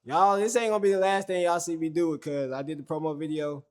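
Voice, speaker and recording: A young male streamer from Fayetteville, North Carolina, talking loosely and profanely with plenty of fillers. His voice sits slightly high for a man. He keeps it easygoing and conversational. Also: fairly even intonation, quick pace, darkish tone. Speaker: livestream host. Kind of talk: casual livestream chat.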